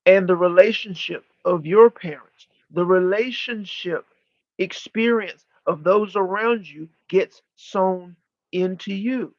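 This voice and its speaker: Speaking as a guide, this high-voiced man channels spiritual teachings in a live session, much like a seance medium. He repeats himself, pauses often, and keeps his phrasing formal, deliberate and emphatic. The recording is muffled, with no room sound.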